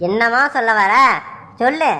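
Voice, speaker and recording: A woman voicing a loving widowed father in a village cartoon, who coaxes gently and repeats himself. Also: fairly high pitch, moderate pace, a little hiss or hum. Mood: soothing. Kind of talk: cartoon voice acting.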